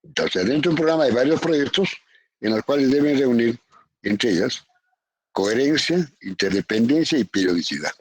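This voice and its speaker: Man lecturing slowly, repeating definitions. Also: medium pitch, lively intonation, husky, no room sound. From Peru. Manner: calls on students by name, repeats definitions with tag questions. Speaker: university economics professor. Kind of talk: lecturing in a virtual class. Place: home, online class. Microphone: computer mic on a video call.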